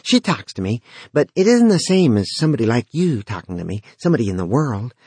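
A man's voice: mid-range voice, big pitch swings, fast, mellow, breathy edge, dry recording, voice pushed up. Man doing a pushy teenage boy spirit. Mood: eager, pushy. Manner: eager, wheedling, insistent. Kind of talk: audiobook character voice.

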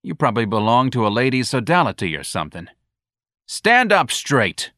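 A man voicing an irritable, bullying police sergeant who shouts at a subordinate, in a read-aloud story. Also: lowish voice, very animated, quick pace, no echo, clean studio sound. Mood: gruff. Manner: gruff, shouting.

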